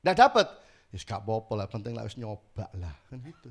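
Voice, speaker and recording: A pastor preaching a sermon in church, telling stories in a lively way and acting out short exchanges. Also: male voice, lowish voice, fairly quick, husky. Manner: lively storytelling with Javanese phrases.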